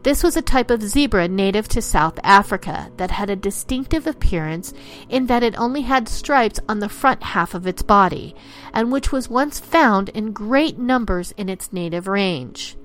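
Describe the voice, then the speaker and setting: A woman's voice: mid-range voice, expressive, moderate pace, poor audio. A woman reading an explanatory scripted narration in the manner of a nature documentary, in long formal sentences. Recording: voice-over with music underneath. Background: music.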